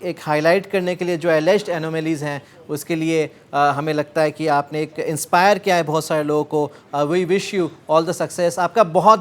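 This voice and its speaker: Slow, measured TV news host, man. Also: a little high. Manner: measured, mixes Hindi and English. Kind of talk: TV news interview and wrap-up.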